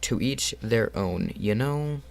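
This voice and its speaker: A young man with a fairly low voice reads a visual novel aloud in a casual playthrough. He jokes as he goes, often slipping into laughter between lines. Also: lively intonation, slow, creaky. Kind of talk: casual game playthrough narration.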